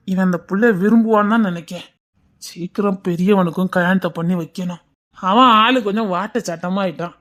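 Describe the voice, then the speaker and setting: Guy acting as a stern suspicious village dad, scolding his son, voice sits a bit high. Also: fairly bright tone. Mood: musing. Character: stern village father hunting a bride for his elder son. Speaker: father.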